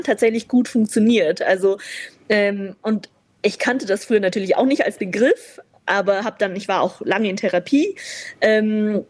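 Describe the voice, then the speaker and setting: A woman's voice: fairly high pitch, dry recording. A young woman, a guest speaking openly and reflectively with many fillers. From China, raised in Vienna. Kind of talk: conversational interview.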